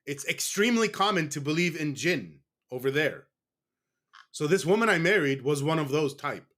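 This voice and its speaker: A man's voice: fairly high pitch, animated, normal speed, fairly bright tone. A man from the United States speaking in a casual interview as a guest, candid and rambling, often stopping to correct himself.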